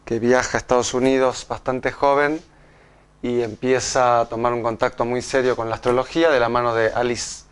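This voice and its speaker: Giving a live public lecture in a room with an audience, a man with an Argentine Spanish accent speaks haltingly, often restarting phrases and checking in with "¿no?". His voice is medium-pitched and clean-toned, with a flat delivery.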